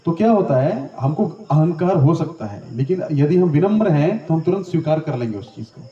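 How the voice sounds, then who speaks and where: A man's voice: a little high, expressive, brisk. A man giving a storytelling scripture lecture in a chatty way, often turning to the audience with questions. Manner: conversational, asks the audience questions. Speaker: spiritual teacher. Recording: roomy, distant, dull lo-fi.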